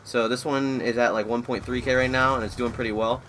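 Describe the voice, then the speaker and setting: This gaming YouTuber, a Floridian in his twenties, speaks in a mid-range, fairly bright voice that's fairly quick and fairly even in intonation, over slight background noise. His live gameplay commentary rambles as the match keeps drawing his focus.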